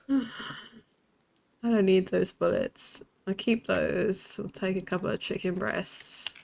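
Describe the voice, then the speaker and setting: Slow and animated, her mid-range voice has vocal fry, long pauses and a darkish tone. This young woman with a lisp is streaming a shooter game and chatting casually. She talks bluntly, swears and laughs a lot.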